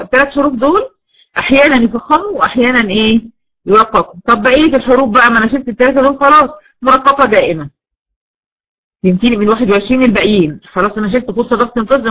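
A woman's voice: a little high, fairly bright tone, rough recording. A woman with an Egyptian accent teaching a class of girls, posing questions and answering them herself while drilling each point again and again. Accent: Egyptian Arabic. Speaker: Quran recitation teacher.

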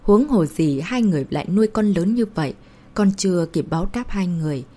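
A woman's voice: lowish voice, lively intonation, fairly quick, dark tone. A woman voicing an emotional young mother in an audiobook, talking in an earnest, pleading way.

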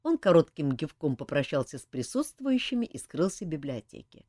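A woman reading a fantasy novel aloud in an expressive, animated way. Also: low voice, a little fast, no room sound, studio quality. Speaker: audiobook reader.

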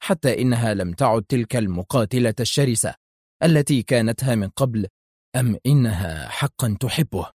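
A man's voice: medium pitch, expressive, brisk, a little mellow, slightly rough, no echo. Man narrating a thriller, dry and close. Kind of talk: dramatic audiobook narration.

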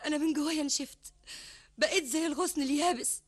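A weary, wistful wife in an Egyptian radio play, voiced by an actress. She speaks high and quick, with quiet insistence. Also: close to an everyday voice. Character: weary wife Kawthar, longing to leave. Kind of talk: classic Egyptian radio drama acting.

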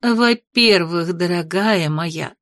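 A woman voicing a stern, gentle noble mother. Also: fairly high pitch, dry recording, studio quality, lightly acted. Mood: reproving. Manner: measured, formal, reproving. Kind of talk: audiobook character voice.

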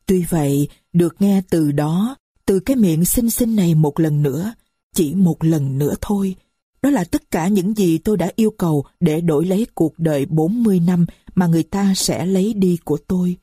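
Woman audiobook narrator, husky low voice, grave and sorrowful storytelling, dry sound. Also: dark tone, dry recording. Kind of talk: scripted story narration in first person.

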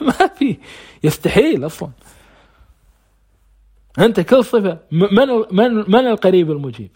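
A man's voice: sits high, big pitch swings, normal speed, pauses often, a little mellow, slightly rough. A man giving an informal religious lesson on scripture, asking rhetorical questions and answering them himself. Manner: recites scripture between conversational explanation. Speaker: religious teacher.

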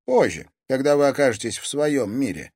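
A man's voice: medium pitch, big pitch swings, normal speed, darkish tone, husky, pitched above the performer's own voice. A man voicing a confident, reassuring teenage boy in an audiobook. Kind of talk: audiobook character voice.

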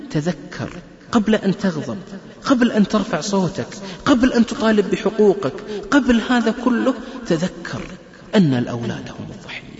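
A man giving a religious lecture on family life, telling stories and acting out the people in them. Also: high voice. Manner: lively storyteller who acts out quoted people. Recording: echoey hall, muffled lo-fi lecture recording.

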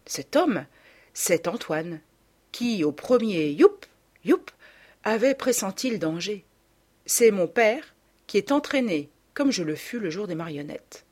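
Animated woman reading a novel. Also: mid-range voice, slow pace. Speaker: audiobook reader. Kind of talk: literary audiobook narration.

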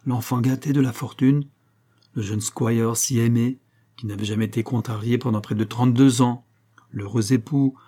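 A man narrating a classic novel as an audiobook, in a measured, dramatic reading. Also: medium pitch, dark tone.

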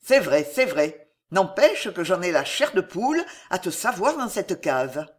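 A reader voicing a gruff old veteran father. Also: mid-range voice, big pitch swings, measured pace. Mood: uneasy. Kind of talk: audiobook character reading.

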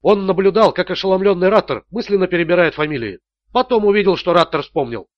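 Steady, fairly high-voiced male narrator. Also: fast, dry recording, lo-fi sound. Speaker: audiobook narrator. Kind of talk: scripted thriller narration.

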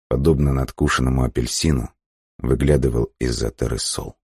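A man reading an audiobook in slow, measured, somber scripted narration. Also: very deep voice, creaky, a little mellow, breathy edge, dry recording, clean studio sound.

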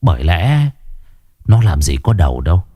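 Expressive male ghost-story narrator. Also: moderate pace, breathy edge, no echo. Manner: dramatic, expressive, low and dwelling on grim detail.

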